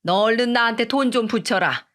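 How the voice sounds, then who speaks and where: A woman's voice: on the high side, fairly quick, a bit bright, pitched above the performer's own voice, lightly acted. A woman voicing a rude, greedy older mother-in-law who scolds and bosses in a coarse way, in a read-aloud story. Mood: scolding. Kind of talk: storytelling radio drama reading.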